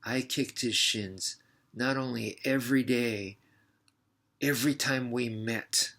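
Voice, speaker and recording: A man's voice: mid-range voice, fairly even intonation, takes it slowly, pushed and bright. A male martial arts instructor telling a personal story in a casual, rambling way, mocking himself and repeating words for emphasis.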